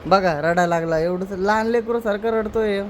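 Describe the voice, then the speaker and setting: A man's voice: high-pitched, moderate pace, background noise. A man vlogging at home, teasing and cajoling a relative during a family prank. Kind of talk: casual family prank vlog. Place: indoors at home.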